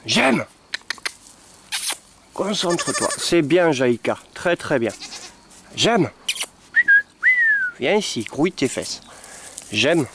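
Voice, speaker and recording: A man, a dog breeder, coaxing and training puppies among goats with affectionate baby talk and sudden high calls. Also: very animated, very slow, long pauses, very noisy. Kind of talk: talking to puppies and goats while training them. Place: animal pen with goats.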